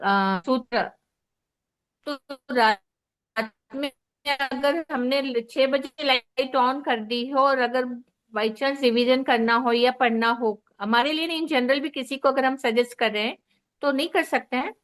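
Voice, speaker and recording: A woman's voice: high-pitched, slow, fairly bright tone, poor audio. A woman student asking persistent, hesitant questions in an online class, heard over choppy call audio that keeps breaking up.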